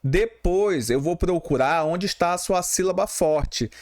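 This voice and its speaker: A male exam prep teacher with a Brazilian Portuguese accent teaches grammar for public exams, speaking at a measured pace with a high-sitting, darkish voice. He explains patiently, repeats key terms, and often checks in with "tá bom?".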